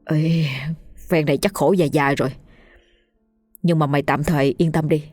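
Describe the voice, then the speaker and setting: A woman's voice: low voice, fairly even intonation, moderate pace, darkish tone, no echo, clean studio sound, faint music behind. A woman voicing a blunt young male coworker who scolds and worries over his friend. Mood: blunt worry.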